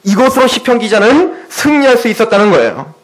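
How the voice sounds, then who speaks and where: Male pastor preaching, really high voice, gets loud then drops quiet, passionate sermon. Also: sing-song, brisk, rough recording. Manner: impassioned preaching, swinging between loud and quiet.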